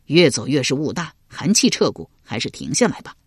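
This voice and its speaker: A man's voice: mid-range voice, sing-song, fairly quick, slightly rough, no room sound, studio quality. A man voicing a stubborn, loyal male general who scorns his captors. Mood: wary.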